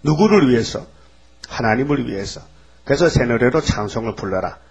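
A male pastor preaches in a blunt, folksy way. His voice is husky and somewhat breathy, at a middling pitch for a man. He keeps throwing short questions at the congregation. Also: expressive, moderate pace, a little mellow. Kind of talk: sermon.

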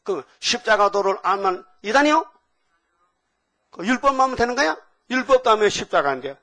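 A man's voice: sits high, brisk. An older man preaching a sermon, asking the congregation question after question. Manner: animated, asks the audience questions.

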